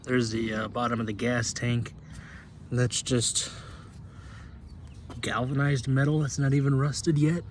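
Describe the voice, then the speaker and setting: A man's voice: mid-range voice, little pitch movement, unhurried, long pauses, a little hiss or hum. A man giving casual, rambling how-to commentary on his own repair job, with loose, self-deprecating asides. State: out of breath. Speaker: channel host.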